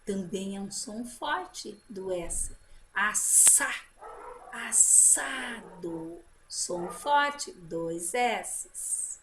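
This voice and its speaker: A woman teacher giving a children's phonics lesson, drawing out example words slowly and praising her pupils. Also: mid-range voice, expressive, a little hiss or hum. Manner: slow drawn-out model words, encouraging teacher talk.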